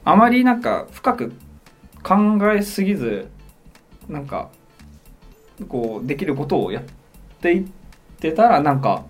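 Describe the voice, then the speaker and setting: A man from Hiroshima, a podcast guest, speaking in relaxed casual conversation and hedging with lots of fillers. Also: a little high, measured pace, pauses often, soft background music. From Hiroshima, Japan. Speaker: guest, professional gamer.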